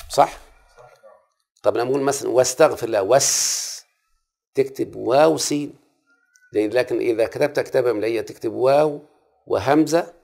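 A man's voice: mid-range voice, vocal fry. A man with an Egyptian accent teaching a classroom lesson on Arabic prosody, repeating the rules and checking that his students follow. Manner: repeats rules and checks understanding with frequent questions.

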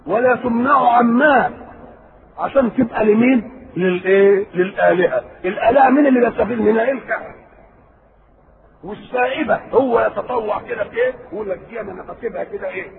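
A man's voice: very high-pitched, quick pace, vocal fry. A man with an Egyptian accent giving a spoken religious lesson on scripture. He keeps posing questions to his listeners and then answering them himself. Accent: Egyptian Arabic. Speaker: religious scholar explaining scripture. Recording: tinny, noisy, phone-like recording.

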